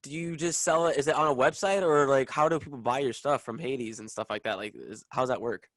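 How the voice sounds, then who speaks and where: A young man hosting a podcast, upbeat but halting, with many fillers and restarts. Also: mid-range voice, fairly bright tone, no echo. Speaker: podcast host. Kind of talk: casual interview chat.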